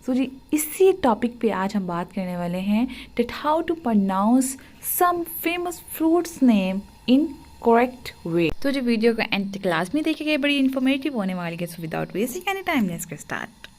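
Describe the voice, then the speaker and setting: A woman teaching in a casual spoken lesson, saying each word slowly and repeating it as a drill. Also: fairly high pitch, animated, darkish tone. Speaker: English teacher.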